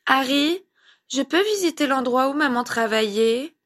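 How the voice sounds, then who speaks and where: Small timid boy, high pleading voice, read by a woman. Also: expressive, a little slow, a bit bright. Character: young boy, timid and eager.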